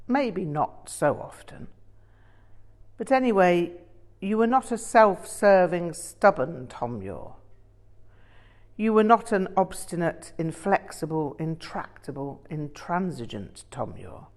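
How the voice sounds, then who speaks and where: Here a woman plays an older male Tibetan Buddhist master for an audiobook, her low voice heavily acted. She tells stories in a deliberate, emphatic way, with a teasing, amused mood.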